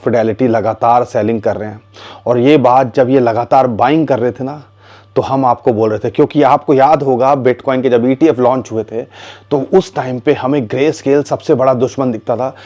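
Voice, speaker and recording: A man's voice: mid-range voice, moderate pace, dark tone. A man giving casual, explanatory market commentary. He talks in a conversational way, asks rhetorical questions and calls his viewers "bhaiya".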